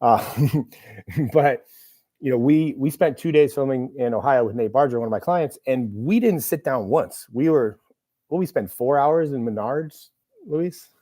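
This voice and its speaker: A man hosts a casual live Q&A, speaking a little slowly in a warm, medium-pitched voice. He rambles and is self-deprecating, with lots of fillers, while a camera operator works in the room.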